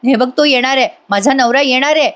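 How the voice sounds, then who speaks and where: A desperate young woman prisoner begs and insists, voiced high and strained by a woman retelling a TV serial. She stammers and repeats her words, her pitch lifted well above a normal speaking voice. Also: brisk, a bit bright. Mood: insistent. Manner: pleading, repeating herself, stammering.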